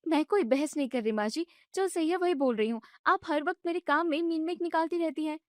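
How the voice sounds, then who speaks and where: A woman voicing a young newlywed daughter-in-law who argues back in a high, exasperated voice. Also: fairly quick, no room sound, studio quality, lightly acted. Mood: indignant. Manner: high, protesting complaints.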